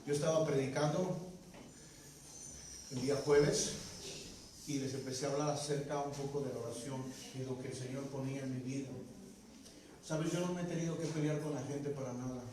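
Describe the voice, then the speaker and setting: A man preaching a sermon, telling stories with animated energy and often asking the congregation questions, with shouts at the peaks. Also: mid-range voice, normal speed, long pauses. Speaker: pastor. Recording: echoey hall, distant mic, noisy.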